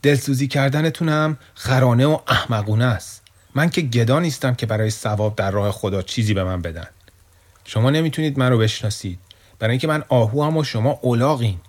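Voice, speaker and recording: A man voicing a proud, sad young deer in a children's story, talking quickly and bitterly. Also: medium pitch, close to an everyday voice. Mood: haughty.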